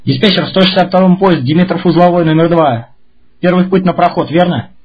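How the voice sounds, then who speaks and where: A man's voice: high-pitched, a little fast, dull audio, slight background noise. A man working as a train driver, talking over a two-way radio in formal, clipped protocol and repeating orders back. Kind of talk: railway radio exchange.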